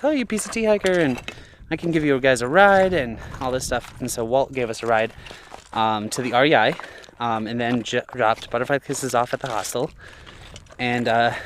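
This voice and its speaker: A man's voice: medium pitch, a little hiss or hum. A man talking casually to the camera while hiking a trail at dusk, rambling with lots of fillers and frequent chuckles. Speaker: thru-hiker vlogger.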